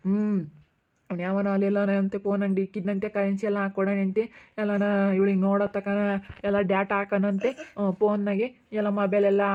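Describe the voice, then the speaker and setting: Blunt village woman, played by a woman, flat, tinny lo-fi recording. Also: mid-range voice, natural voice. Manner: blunt, questioning. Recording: tinny phone-like sound.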